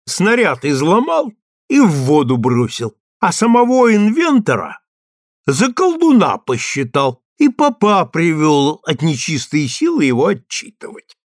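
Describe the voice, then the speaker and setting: A man's voice: mid-range voice, big pitch swings, measured pace, slightly rough, dry recording, clean studio sound. A man voicing a sardonic imprisoned inventor. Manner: restrained, sardonic.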